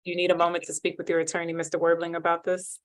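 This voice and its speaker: A woman judge with a low voice moves quickly through a court hearing, heard on a courtroom recording. She is brisk and formal and reads the set procedure by rote. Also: monotone.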